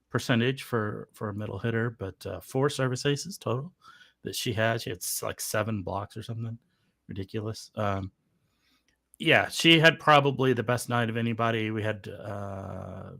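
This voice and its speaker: A man with a slightly low, gravelly voice talks through a match in an unhurried, hesitant way. The sound is dry and close. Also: a bit bright, no echo. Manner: thoughtful, hesitant with fillers. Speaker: podcast co-host. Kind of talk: casual sports analysis.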